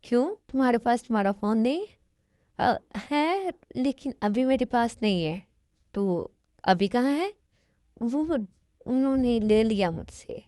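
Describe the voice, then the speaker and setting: A woman dubbing a timid, unhappy young man who talks hesitantly and softly. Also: on the high side, animated, measured pace, dry recording. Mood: anxious. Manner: hesitant and soft-spoken. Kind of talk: fan Hindi dub of a love story.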